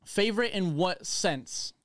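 Smooth, dry-voiced man bantering. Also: sits high, lively intonation, a little slow, fairly bright tone, dry recording. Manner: laughing, teasing banter. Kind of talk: casual podcast chat.

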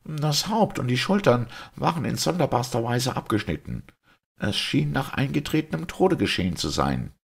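Brief: shrill, agitated doctor, read by a man, raspy edge, wildly lively. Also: heavily acted. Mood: indignant. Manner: shouting, exasperated, rapid. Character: agitated impatient male doctor, indignant.

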